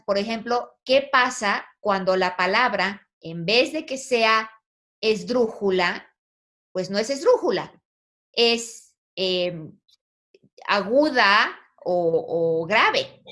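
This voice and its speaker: A woman's voice: a little high, expressive, takes it slowly, sharp tone. A woman teaching a poetry lesson, asking her students questions and guiding them patiently. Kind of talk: online poetry class.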